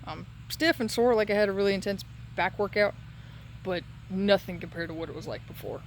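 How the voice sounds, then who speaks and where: A man talking casually and haltingly in a solo update while recovering from surgery with a sore throat. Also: sits high, slight background noise, low-quality recording. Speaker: patient giving a recovery update.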